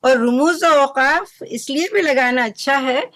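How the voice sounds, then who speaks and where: Patient woman language teacher, slow measured delivery, dry close-miked sound. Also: sits high, no echo. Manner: calm, patient explaining with examples. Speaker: Urdu teacher. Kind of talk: lesson.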